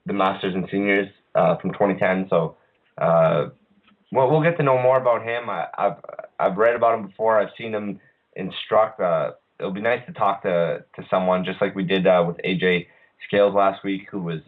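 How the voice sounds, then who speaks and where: A man hosting an online radio show, talking casually with lots of hesitations and restarts. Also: deep voice. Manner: halting, many uhs and restarts. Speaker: podcast host. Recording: phone-line quality audio.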